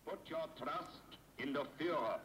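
An actor playing a stern Nazi announcer who declaims propaganda proclamations over a car loudspeaker in a film drama. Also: male voice, fairly high pitch, measured pace, a crowd in the background. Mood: commanding, distant. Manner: declamatory, commanding. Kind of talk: propaganda public-address announcement. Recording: noisy loudspeaker-style public announcement.

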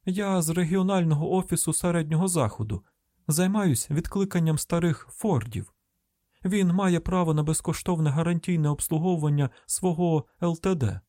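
A man voicing a polite, quick-witted young woman trainee speaking deferentially on the phone, in an audiobook reading. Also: warm tone, no room sound, studio quality, close to an everyday voice. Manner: raised pitch, sweet deferential phone voice.

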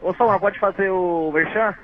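A relaxed man in his thirties rings into a radio show, and his voice arrives through a dull, lo-fi phone line. He answers briefly and easily, with a fairly high pitch for a man. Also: normal speed, soft background music. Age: 30s. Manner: laid-back, short answers. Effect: heard over a phone line. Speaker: radio caller.

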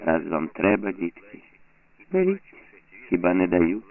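A man voicing a calm, gentle, wry older male peasant neighbor who answers softly, with quiet irony. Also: on the low side, measured pace. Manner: calm, soft-spoken, gently ironic. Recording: tinny lo-fi phone-like sound.

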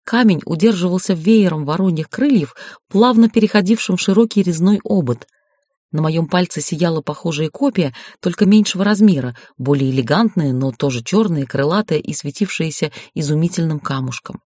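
A woman's voice: fairly low pitch, a little fast, mellow, no room sound, studio quality. Woman reading a first-person audiobook. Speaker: audiobook reader.

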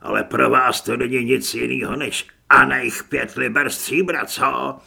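A man voicing a coarse, hot-tempered thug who talks hoarse and rough in an audiobook. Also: mid-range voice, fairly even intonation, pushed and bright, full character voice. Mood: gruff.

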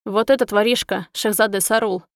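A woman's voice: mid-range voice, fairly even intonation, brisk, no room sound, clean studio sound, lightly acted. A woman voicing a petty, spiteful male goblin shopkeeper in a fairy-tale audiobook, whiny and accusing.

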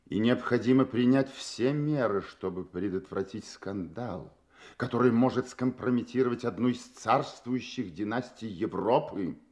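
A man's voice: fairly low pitch, darkish tone. An actor playing a proud, imperious king in a Russian audio play, stately, formal and commanding. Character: proud, imperious masked king posing as a count.

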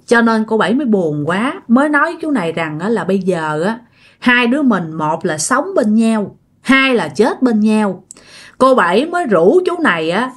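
A woman with a Southern Vietnamese accent narrating a ghost story in a chatty way, speaking directly to her listeners. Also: a little high.

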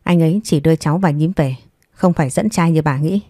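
Woman reading a calm, firm young mother. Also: low voice, no echo, studio quality. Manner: calm, measured, clipped.

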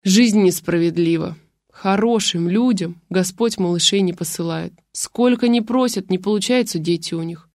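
A woman voicing a coarse old grandmother who scolds in a slow, booming bass. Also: a little mellow, dry recording, clean studio sound, natural voice. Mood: scornful.

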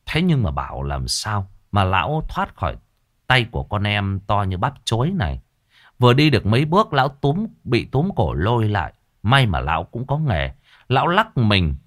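Man, storyteller, low voice, lively intonation, earthy colloquial narration. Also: normal speed.

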